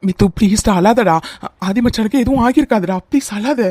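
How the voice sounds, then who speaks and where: A woman doing a brisk protective young woman. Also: on the high side, mellow, no room sound, clean studio sound, voice pushed down, natural voice. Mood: firm. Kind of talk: cartoon voice acting.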